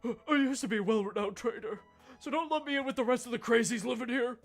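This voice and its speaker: A woman's voice: fairly high pitch, quick pace, faint music behind, voice pushed up. A woman voicing a weary, complaining downtown slum dweller as she reads game dialogue. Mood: grumbling. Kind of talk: video game dialogue read aloud by a streamer.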